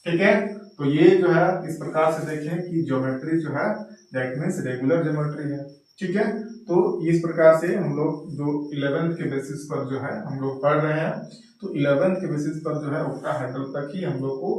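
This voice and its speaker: A man's voice: on the high side, darkish tone. A man teaching chemistry at a blackboard, explaining step by step and repeating filler phrases as he draws. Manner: repetitive, fills pauses with "ठीक है" and "जो है"; explains step by step while drawing on the board. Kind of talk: blackboard lecture. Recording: very echoey classroom, voice from far off.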